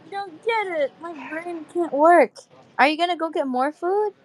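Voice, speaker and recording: A woman's voice: extremely high pitch, animated, normal speed. A woman in casual chat who is sick, giggling often and drawing out her reactions. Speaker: co-host of a live audio chat.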